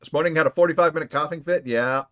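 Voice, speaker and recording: A man's voice: a little high, fast talker, fairly bright tone. A man streaming a game from home, chatting casually and playfully with his viewers and inventing silly words. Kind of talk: casual live stream chat.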